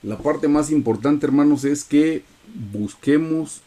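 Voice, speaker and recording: Man, Bible study teacher on a video call. Mellow, earnest, calls listeners brothers. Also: fairly high pitch, a little slow.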